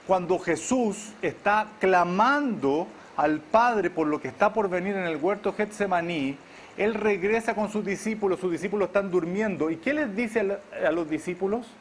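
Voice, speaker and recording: A man, preaching a sermon to his congregation at a church service. He keeps checking in with the listeners with a quick question. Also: high-pitched, a little hiss or hum. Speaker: pastor.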